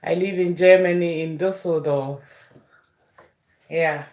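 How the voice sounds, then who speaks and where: A woman's voice: on the low side, fairly even intonation, takes it slowly, a little mellow, roomy sound. A woman from Ghana with a Ghanaian English accent hosts a casual cooking livestream. She greets her viewers one by one and calls them "my dear". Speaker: cooking show host.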